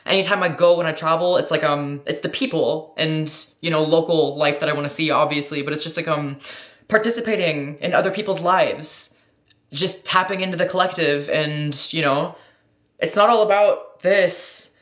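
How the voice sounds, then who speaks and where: A deep-voiced American woman with a bit of brightness speaks at a moderate pace while answering questions in a casual vlog Q&A. She's effusive and slangy, cursing freely and filling her talk with "like," and the recording has a roomy echo.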